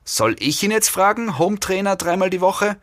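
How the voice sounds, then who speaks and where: A man voicing a monotone female kidnapper in an audiobook reading, flat at first and shrill when agitated. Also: moderate pace, dry recording, clean studio sound, natural voice.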